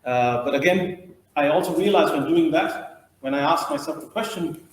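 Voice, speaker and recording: A man's voice: fairly high pitch, sing-song, normal speed, gravelly. Man lecturing in an echoey room. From India. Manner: explanatory, thinking aloud. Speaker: trainer. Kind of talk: training lecture. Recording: roomy echo.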